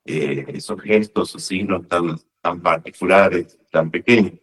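A man's voice: low voice, measured pace, a bit bright. A man from Argentina, a parish priest, answering in a hesitant way with many fillers and tag questions. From northern Argentina. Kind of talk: casual interview answers. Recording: voice a bit far from the mic.

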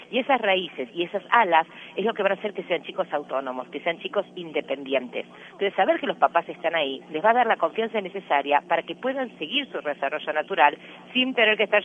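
A man's voice: a little high, a little hiss or hum. A man with a Rioplatense Spanish accent, giving earnest, explanatory parenting advice as a guest on a radio interview. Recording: tinny phone line.

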